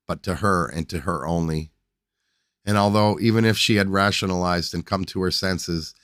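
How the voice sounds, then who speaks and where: Deep-voiced man narrating a dark story. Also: no echo, clean studio sound. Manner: steady, measured reading with small slips. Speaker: podcast host and story reader. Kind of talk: scripted short story narration.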